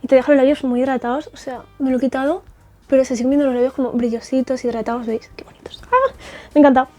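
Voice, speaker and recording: Chatty high-voiced Spanish woman. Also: steady tone, fast, dark tone. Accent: Spain Spanish. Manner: chatty and effusive, frequent fillers and tag questions. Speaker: makeup artist reviewing cosmetics. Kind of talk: casual beauty vlog, trying products on camera. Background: faint background music.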